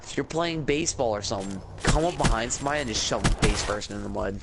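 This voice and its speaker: A man's voice: mid-range voice, fast, vocal fry. A young man chatting casually with a friend while gaming, laid-back and full of fillers, on a noisy game-chat recording.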